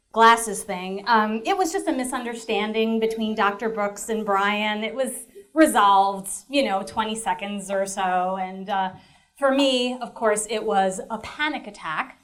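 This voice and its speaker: A woman's voice: medium pitch, fairly bright tone. A woman performing a one-woman stage show, chatty and self-mocking, talking straight to the audience. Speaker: comedic performer.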